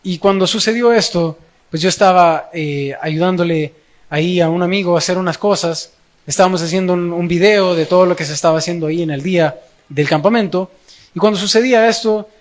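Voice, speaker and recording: A young man with a Salvadoran accent telling a personal testimony in a sermon, using casual slang and acting out dialogue. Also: high-pitched. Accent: Salvadoran Spanish. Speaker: young preacher.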